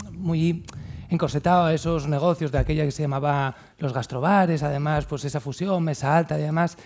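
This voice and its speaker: A man's voice: fairly high pitch, mellow. A restaurant owner in his forties from central Spain, speaking on a panel in a chatty, heartfelt way and often checking in with his listeners. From Castilla-La Mancha, Spain. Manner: chatty and heartfelt, keeps tagging questions onto his sentences. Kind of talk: panel talk.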